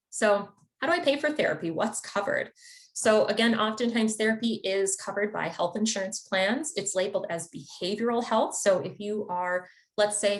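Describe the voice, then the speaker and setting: A woman from the Chicago area, a therapist, giving an informative webinar talk in a conversational, explanatory way. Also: on the low side. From Chicago area, United States. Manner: conversational and explanatory, with occasional fillers. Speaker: therapist presenting a wellness webinar.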